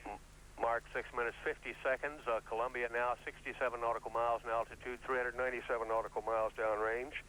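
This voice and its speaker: A man's voice: medium pitch, level tone, quick pace, bright, forceful tone. A man giving matter-of-fact mission control radio commentary, calling out technical figures. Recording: faintly noisy radio feed.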